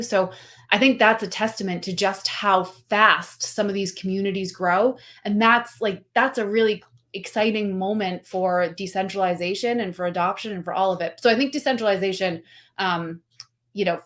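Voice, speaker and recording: Talkative woman interview guest, mid-range voice, animated, heavy on fillers and restarts. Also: mid-range voice. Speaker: guest, company representative. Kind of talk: casual conversational interview.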